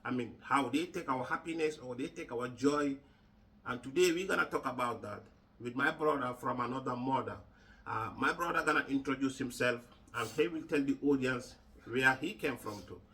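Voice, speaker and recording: A man from Gambia hosting a casual podcast chat, halting and repeating words with many fillers. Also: mid-range voice, pushed and bright, distant mic, low-quality recording. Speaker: podcast host.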